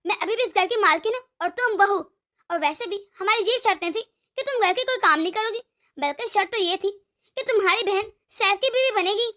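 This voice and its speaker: A domineering old mother-in-law from a cartoon, voiced by a woman, barking orders at the household in a bright, high voice with a bossy, commanding edge. She schemes and lords it over the family. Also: a little fast. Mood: stern.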